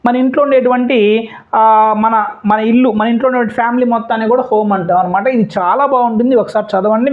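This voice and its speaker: A woman teacher runs an exam-prep lesson, repeating questions and answers and mixing English words into her explanations. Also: fairly high pitch. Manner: repetitive question-and-answer drilling. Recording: dull lo-fi audio.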